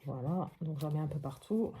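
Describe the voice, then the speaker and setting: A woman's voice: low voice, moderate pace, mellow. A woman hosting a casual step-by-step crafting tutorial at her craft table at home, chatting and thinking aloud with many little hops and voilàs.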